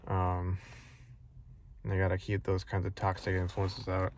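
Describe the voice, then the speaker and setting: Brief: low monotone man, rambling earnest vlog talk full of fillers. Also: measured pace, slight background noise. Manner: rambling, many fillers and restarts; frustrated, earnest. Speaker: vlogger. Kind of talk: casual personal vlog monologue.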